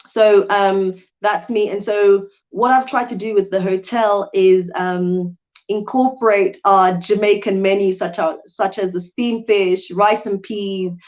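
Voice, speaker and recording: A woman's voice: mid-range voice, steady tone, a little slow, a little mellow, highs cut off. A woman from the UK hosting a live Q&A on her channel, talking in a chatty way with frequent ums and restarts. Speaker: channel host and hotel owner. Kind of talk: live stream Q&A talk.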